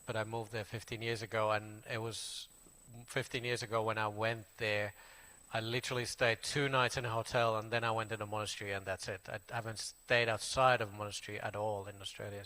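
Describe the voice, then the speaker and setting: Halting Finnish-accented monk, bright voice. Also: male voice, on the low side. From Finland. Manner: halting, many fillers and restarts, plain friendly telling. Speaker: Buddhist monk giving a talk. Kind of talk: casual spoken self-introduction.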